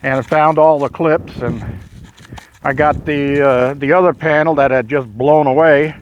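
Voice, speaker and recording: A man, out of breath after working hard, gives a casual tour of his greenhouse. He talks slowly and rambles, pausing on fillers and correcting himself. The sound is dry and dull, like a cheap lo-fi mic. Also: a little high, dry recording. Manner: rambling, self-correcting, with frequent filler pauses. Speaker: homesteading vlogger. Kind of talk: casual walkthrough vlog. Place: outdoors and inside a greenhouse in the desert.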